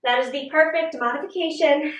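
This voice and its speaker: A woman's voice: high voice, a little fast. Breathless woman coaching a workout. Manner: coaching, encouraging, breathy exclamations between cues. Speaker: fitness instructor. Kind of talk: workout video instruction. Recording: roomy echo, distant mic.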